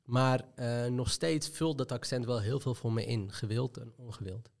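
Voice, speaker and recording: A man's voice: mid-range voice, fairly even intonation, normal speed, vocal fry. A man with an Amsterdam Nieuw-West accent, talking earnestly and reflectively in a casual discussion. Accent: Amsterdam Nieuw-West street accent. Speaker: panel guest. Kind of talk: casual chat.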